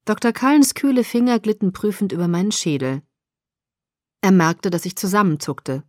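A woman narrating a first-person audiobook in an expressive reading that swings between loud and soft. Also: mid-range voice, moderate pace, no echo, studio quality.

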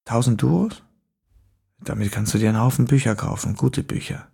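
A man voicing a sinister, soft-spoken stranger who talks in a husky, coaxing half-whisper. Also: mid-range voice, normal speed. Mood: menacing hush.

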